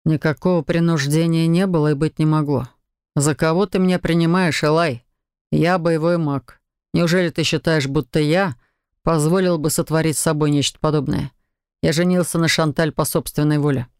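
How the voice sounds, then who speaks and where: Brief: reader doing a young male battle mage, calm, firm, slow, smooth clear sound. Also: on the high side, dry recording, clean studio sound, lightly acted. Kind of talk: audiobook character reading.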